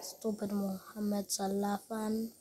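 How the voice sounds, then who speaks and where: Slow-talking woman in rambling game chat. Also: mid-range voice, level tone, heavy background noise. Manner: rambling, repetitive, halting restarts.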